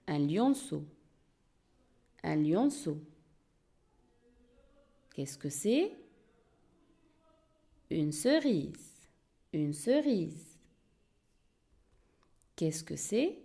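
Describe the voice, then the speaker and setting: A woman teacher leads a beginner reading lesson at a very slow, deliberate pace. Her mellow voice rises and falls in a lively, sing-song way as she repeats each word for the class. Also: lowish voice. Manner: slow, clear, repeats words for pupils to echo. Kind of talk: early-reading lesson for young learners.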